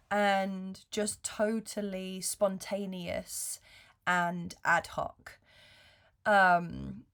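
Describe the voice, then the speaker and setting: A woman talks to her viewers as a reflective spiritual mentor, in a mid-pitched voice with a hoarse smoker's rasp. She sounds under the weather, with plenty of creak. Her delivery is slow and gentle, with hesitant pauses as she chooses her words. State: recovering from illness, hoarse. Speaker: video host and spiritual mentor. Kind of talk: intimate, reflective chat to viewers.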